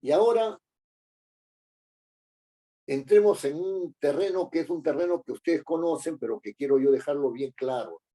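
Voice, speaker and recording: A man lectures at an unhurried, hesitant pace, often stopping on fillers and checking in with tag questions. His voice is dark and a little husky. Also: fairly high pitch. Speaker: teacher.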